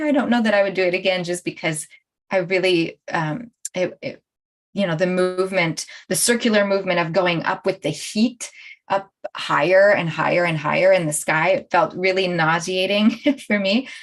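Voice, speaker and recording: Chatty woman coach who laughs often. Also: on the low side. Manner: laughs often, chatty, talks straight to viewers. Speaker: life coach and show host. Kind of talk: live-streamed coaching talk.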